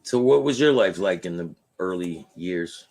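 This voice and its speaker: A man from Connecticut with a gravelly, creaky voice hosts a casual interview. He keeps his questions short and easygoing, letting his guest talk. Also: low-pitched, animated, measured pace, darkish tone. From Bristol, Connecticut. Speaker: host.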